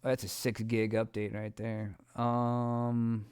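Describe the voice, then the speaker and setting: A man talks over his gameplay stream, excitable and profane. He rambles, restarts his sentences, and gets carried away by game lore. His voice sits at an ordinary middle pitch. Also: slow pace, clean tone. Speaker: gaming streamer. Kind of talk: casual gameplay commentary.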